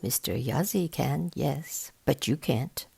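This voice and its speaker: Woman voicing brisk, husky Spider-Woman, a storybook guide. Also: rumbling low, lively intonation, a little mellow, heavily acted. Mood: matter-of-fact. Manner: matter-of-fact, cheerful.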